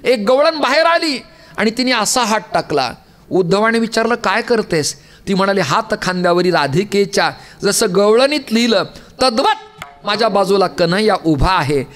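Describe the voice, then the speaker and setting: High-voiced man preaching a kirtan. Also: fairly bright tone. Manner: acts out the characters' lines, pitch rising sharply in emphatic calls. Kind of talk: devotional kirtan sermon with storytelling. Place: temple hall.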